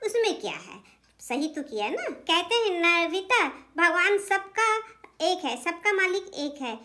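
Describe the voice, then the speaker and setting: A woman's voice: very high voice, fairly bright tone. A woman voicing a helpless elder brother in a doll drama, torn between his wife and sister, lamenting and lecturing.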